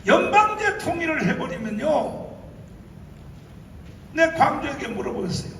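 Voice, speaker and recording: Pastor, man, high and animated, shouting rally speech, distant echoey hall recording. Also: measured pace. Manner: shouting, rhetorical questions to the crowd. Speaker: pastor addressing a political rally. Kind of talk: fiery rally speech with call-and-response. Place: large convention hall. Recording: echoey hall from far off, noisy.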